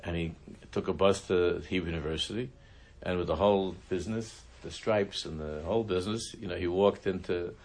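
A man teaching a religious class, telling a story in a halting way, often restarting his sentences. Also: deep voice, darkish tone. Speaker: Torah teacher.

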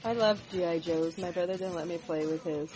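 A woman's voice: lowish voice, a little fast, over music, rough recording. A woman co-hosting a casual podcast, playful and joking darkly. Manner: playful, mock-menacing jokes. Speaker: podcast co-host.

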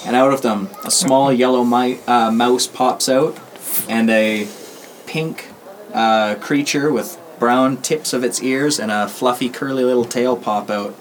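A man's voice: medium pitch, steady tone, unhurried. A man narrating a tabletop game as its game master, giving easygoing rulings. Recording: noisy recording.

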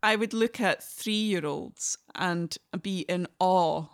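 A Scottish woman in her forties, appearing as a guest musician, speaks slowly in a lowish voice. The conversation is reflective, and she talks thoughtfully, often restarting her sentences.

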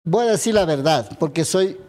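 High-voiced Ecuadorian man, animated. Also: normal speed. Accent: Ecuadorian Spanish. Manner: lively storyteller who acts out quotes. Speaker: assembly member, guest. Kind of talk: animated political interview.

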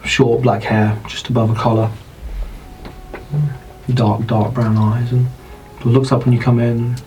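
A man with a British accent, narrating as dungeon master in an unhurried, descriptive way. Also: medium pitch, level tone, mellow, slight background noise, rough recording. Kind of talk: narrating a tabletop game.

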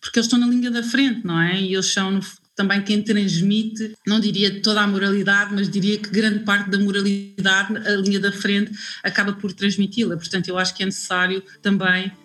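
A woman's voice: mid-range voice, flat delivery, brisk, fairly bright tone. A woman from Angola, speaking on a discussion panel, hesitant and searching for her words with many fillers.

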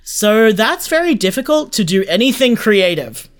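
Being interviewed about his podcast work, this man has a high, sing-song voice and keeps a moderate pace. His answers stay loose, conversational, and chatty.

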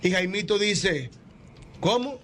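A man fires off jokes on a radio show in a high voice. He races through the setups and voices each character. A faint hiss runs underneath. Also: lively intonation, bright, forceful tone. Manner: rattles off jokes quickly, acting out the characters. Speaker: joke teller on radio. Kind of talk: telling jokes on live radio.

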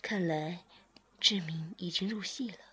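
Slow, breathy whispering woman storyteller. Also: lowish voice. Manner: hushed, unhurried reading. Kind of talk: whispered role-play.

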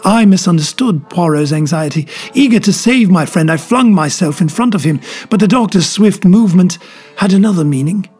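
A man's voice: high voice, lively intonation, normal speed, darkish tone, breathy edge, faint music behind. A man narrating a mystery story in the first person with urgent, vivid storytelling. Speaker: audiobook narrator.

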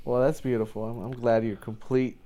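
A man's voice: mid-range voice, little pitch movement, fairly quick, mellow. A man, a podcast co-host, making teasing, wry remarks in casual chat.

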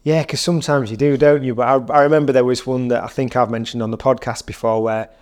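A man hosting a podcast interview, musing aloud and asking relaxed follow-up questions. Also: mid-range voice, fast. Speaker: podcast host. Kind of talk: casual interview chat.

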